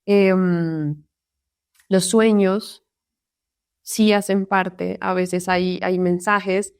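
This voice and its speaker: A woman's voice: fairly low pitch, steady tone, extremely slow, darkish tone, clean tone, no room sound, studio quality. A Colombian woman, a psychologist guest, speaking reflectively in a casual interview and often tagging her sentences with little questions.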